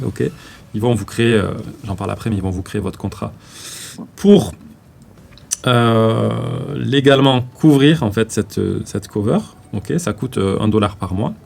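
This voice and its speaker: A man with a French accent giving a casual, slangy music-marketing tutorial, often pausing with fillers while walking through an upload. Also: fairly low pitch. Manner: slangy, hesitant with many fillers while clicking. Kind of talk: casual screen-recorded tutorial.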